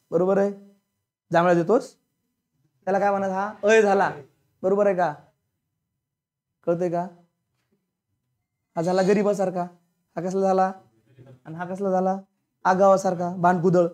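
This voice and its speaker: Here a man's high voice carries a darkish tone. He's a teacher giving a grammar lesson in class, hammering his students with repeated questions in a blunt, colloquial manner that sometimes turns to scolding.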